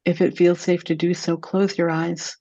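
A woman guides a meditation in a slow, gentle voice with long pauses. Her tone is mellow and her pitch stays flat and even. The recording is dry and a little dull. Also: dry recording.

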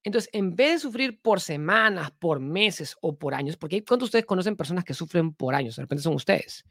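Speaking earnestly to an audience, this male spiritual teacher has a high, expressive voice, a little fast and fairly bright in tone. His talk is repetitive and packed with rhetorical questions, lurching into sudden bursts of emphasis. It's captured dry, at studio quality.

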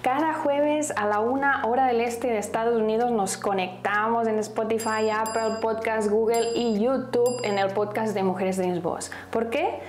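A woman's voice: fairly high pitch, steady tone, a little slow, few pauses, a little hiss or hum. A woman hosting an interview podcast, upbeat and emphatic, repeating words for effect. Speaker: podcast host. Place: studio room, guest present. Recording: roomy echo, faint music.

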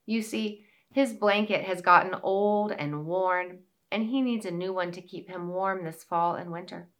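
A woman voicing a kind, smiling old woman who spins wool, speaking gently and softly. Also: lowish voice, measured pace. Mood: gentle. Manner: gentle, soft, warm-hearted.

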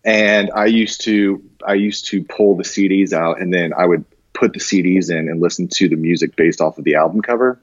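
A deep-voiced man talks at normal speed with few pauses on a dry, lo-fi recording. He's a branding designer in his thirties, largely raised overseas in Japan, appearing as a podcast guest and telling personal stories in a slangy, self-deprecating way.

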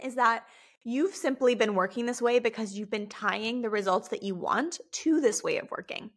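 A woman's voice: on the high side, normal speed. A young woman speaking as a self-help coach in a casual, conversational way, often asking "right?".

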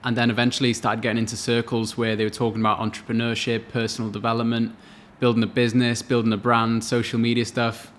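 A man's voice: medium pitch, monotone, fast talker, hardly any pauses, slight background noise. A man in his late twenties, co-hosting a podcast and telling a story in casual chat. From Wales. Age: late 20s. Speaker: podcast co-host.

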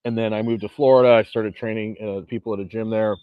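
Speaking quickly in a smooth, on-the-low-side voice with fairly even intonation, a gym-owning vlogger in his forties rambles emphatically on a beach, frequently restarting. The audio is narrow and tinny, with no echo.

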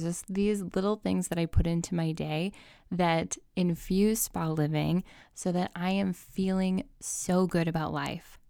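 A woman's voice: fairly low pitch, vocal fry, dark tone, smooth, no room sound, studio quality. A woman giving tips in a casual personal vlog, in an upbeat, tidy advice-giving manner with emphatic repetition. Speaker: lifestyle advice vlogger.

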